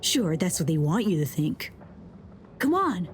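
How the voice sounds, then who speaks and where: A woman's voice: on the low side, sing-song, measured pace, a little hiss or hum. A woman voicing a curious, mischievous young schoolboy in a video game, speaking casually and conspiratorially with a touch of world-weariness. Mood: confident, secretive. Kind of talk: video game character dialogue. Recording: music behind the voice. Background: clear music.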